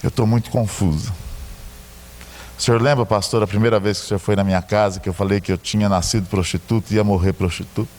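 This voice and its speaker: A man's voice: fairly low pitch, fairly even intonation, quick pace, darkish tone, long reverb tail, a little hiss or hum, lightly acted. A man with a Brazilian Portuguese accent quoting a tearful woman, a former sex worker, confessing during a sermon.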